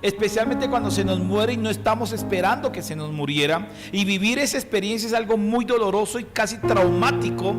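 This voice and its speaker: A male pastor from Colombia preaching a sermon, asking the congregation questions and reading scripture aloud. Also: high-pitched. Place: church hall. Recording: reverberant church hall with music. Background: music.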